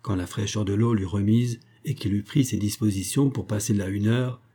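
A man reading a classic novella aloud in a measured, expressive literary narration. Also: on the low side, husky. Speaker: audiobook reader.

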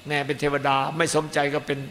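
Male monk giving a dharma talk, raised bright voice, echoey hall with faint hiss. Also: on the high side, level tone, fast talker. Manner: emphatic, piling up repeated phrases. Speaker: Buddhist monk teacher.

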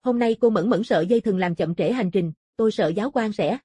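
A woman voicing a nosy, excitable young man in a storybook reading, talking in an eager, gossiping way. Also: medium pitch, fairly quick, slightly rough, no echo, clean studio sound, natural voice. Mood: gossipy.

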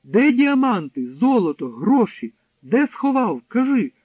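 A man's voice: high-pitched, expressive, moderate pace, no room sound. A man reading an audiobook, voicing an arrogant, cruel German SS captain who barks and boasts. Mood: furious. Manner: barking, shouting, pompous. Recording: dry, tinny narrow-band sound.

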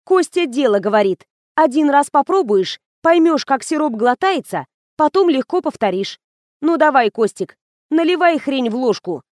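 A woman reading the part of a stern, blunt young woman who speaks flatly. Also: high-pitched, moderate pace, no echo, clean studio sound, voice pushed up.

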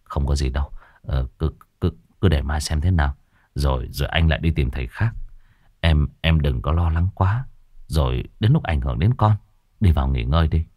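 A man's voice: very deep voice, normal speed, mellow, no room sound, voice pushed down. A man voicing a nervous young husband who stammers and repeats words, polite and hesitant. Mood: anxious.

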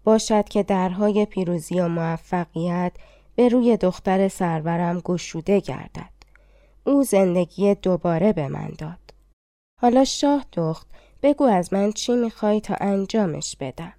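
A woman's voice: on the low side, no echo, studio quality, lightly acted. Woman voicing an old loyal war horse. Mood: devoted. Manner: gentle, courtly speech.

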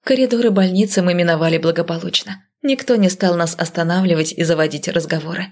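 A woman with a low-set voice reads a first-person audiobook in a measured, even manner. She tells the story steadily and plainly. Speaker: audiobook narrator.

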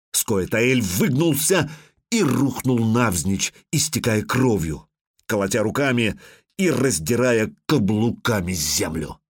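A man narrating a fantasy audiobook with dramatic delivery, slowing down on violent moments, close on a microphone. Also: medium pitch, no room sound.

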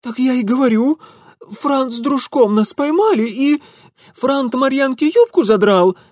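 A man's voice: very high-pitched, expressive, darkish tone, dry recording, studio quality, voice pushed up. A man voicing a frightened, tearful young factory girl who rattles off her words in a whiny rustic way. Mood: flustered. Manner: rapid, whiny, dialect-tinged speech.

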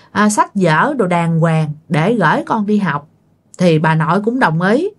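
A woman's voice: a little high, a bit bright. A woman, telling a ghost story in a chatty way and speaking directly to her listeners.

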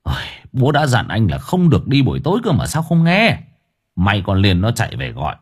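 Man voicing a stern tired uncle, deep, slow and grave, storybook reading. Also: big pitch swings, darkish tone, heavily acted. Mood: scolding. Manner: gruff, scolding, slow and grave. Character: stern weary middle-aged uncle, ritual master.

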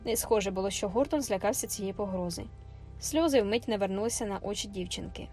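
A woman narrating a classic novel as an audiobook in a measured, expressive way. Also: mid-range voice, faint music behind. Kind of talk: scripted literary narration.

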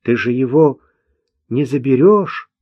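A man's voice: medium pitch, expressive, slow pace, no room sound, lo-fi sound. A man voicing a fussy, anxious old woman in an audiobook, in a raised, fretful voice.

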